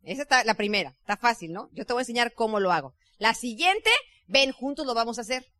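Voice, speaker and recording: Mexican woman, high voice, motivational business talk, chatty, dry close sound. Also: quick pace, dry recording. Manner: chatty, lively, addresses the audience directly. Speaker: network marketing leader.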